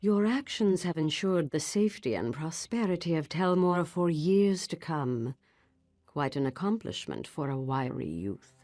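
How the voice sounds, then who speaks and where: A woman voicing an imperious old wizard master in a fantasy game, husky, formal and haughty in a measured delivery. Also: low voice, sing-song, mellow. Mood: stern, proud. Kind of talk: fantasy game dramatic acting.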